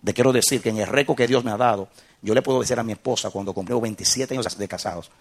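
A man's voice: medium pitch, very fast, slightly rough. A middle-aged man preaching a sermon as a pastor, impassioned and building to emphatic peaks.

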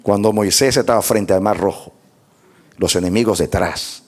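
A male pastor preaching a sermon with passion, swinging between shouted lines and hushed asides. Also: lowish voice, normal speed, slightly rough.

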